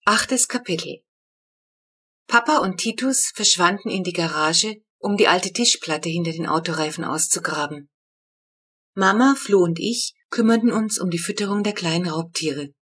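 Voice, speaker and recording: Woman reading a children's story, breathy. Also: fairly low pitch, moderate pace, a bit bright. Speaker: author reading her book. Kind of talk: audiobook narration.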